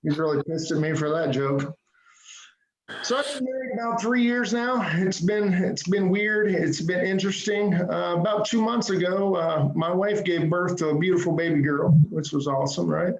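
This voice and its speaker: A man's voice: sits high, moderate pace, dull audio. A man doing a self-deprecating stand-up set over a video call, punctuating jokes with "right?". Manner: self-deprecating, punchy joke delivery with frequent "right?". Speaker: stand-up comedian. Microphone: computer mic on a video call. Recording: echoey room on a video call.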